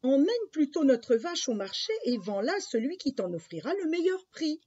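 Une femme jouant une pauvre mère veuve qui se lamente. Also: female voice, very animated, moderate pace, mellow. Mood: gently protesting. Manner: high, wailing, scolding. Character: poor widowed mother, anxious and quick-tempered. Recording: dull lo-fi recording.

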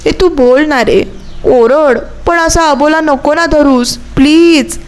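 A woman narrator doing a young wife who pleads and coaxes in a soft, high voice. It sounds contrite and eager to make peace, a storybook heroine. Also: fairly even intonation, moderate pace, natural voice. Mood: tearful pleading. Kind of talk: audiobook story reading.

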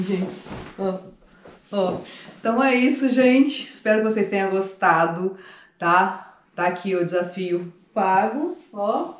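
A woman talking casually to her viewers in a vlog, chatty and giggly as she shows off the result. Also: mid-range voice. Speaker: vlogger. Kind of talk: casual vlog talk to camera. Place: barbershop, then home. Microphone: phone camera held by others. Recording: echoey room, faint background noise.

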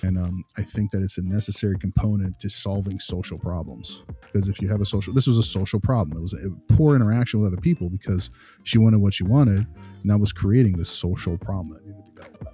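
A podcast host talks through behavior analysis in a conversational way, explaining at length with earnest emphasis. His voice is low and dark, his pace quick, and soft music plays in the background.

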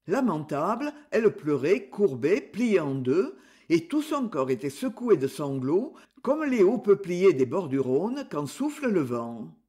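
A man narrating a French literary audiobook in an expressive, measured storytelling manner. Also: high-pitched.

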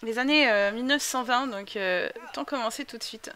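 A young woman giving chatty, excitable commentary while playing a life-simulation game, talking through a headset mic. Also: on the high side, brisk. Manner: chatty, excitable outbursts, thinks aloud. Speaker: gaming YouTuber. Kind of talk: casual let's-play commentary.

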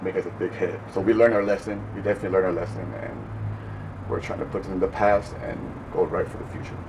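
Man, restaurant manager, deep voice, hesitant apologetic answers, distant mic with noisy restaurant ambience. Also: little pitch movement, a little fast. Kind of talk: interview answers. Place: indoors in a restaurant.

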